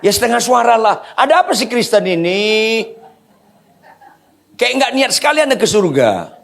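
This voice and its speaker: A man preaches to his congregation with a voice that sits a little high and swoops up and down constantly. He talks in loose slang, cracks jokes, and keeps testing his listeners with quick questions as he goes. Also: big pitch swings, vocal fry, fairly bright tone. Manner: humorous, casual slang, quizzes the audience. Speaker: pastor. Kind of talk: lively sermon to a congregation.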